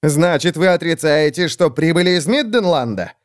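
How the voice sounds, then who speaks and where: A man's voice: fairly high pitch, moderate pace, clear, resonant tone, pitched above the performer's own voice, lightly acted. Man doing a proud, quarrelsome noble lord. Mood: accusing.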